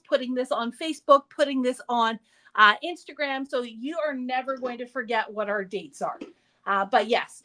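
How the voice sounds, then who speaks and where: On a craft store's live show, the host keeps things casual and upbeat as she covers products and store news. Her voice is high and fairly bright.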